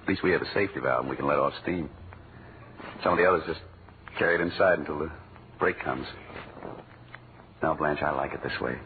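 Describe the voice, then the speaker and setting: A man's voice: medium pitch, big pitch swings, moderate pace, natural voice. A man playing a grumbling, sarcastic hard-up husband. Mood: tender. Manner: sarcastic grumbling, turning tender. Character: griping, hard-up husband with a soft heart. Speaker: radio comedy actor. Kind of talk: 1940s radio comedy acting. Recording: tinny, hissy old radio broadcast.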